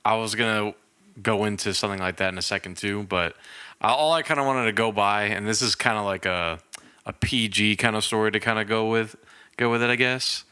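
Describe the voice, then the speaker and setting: A man's voice: lowish voice, fairly even intonation, brisk, sharp tone, clean tone. A young man co-hosting a podcast, telling a story in casual chat and laughing through it. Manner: laughs through his stories. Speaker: podcast co-host.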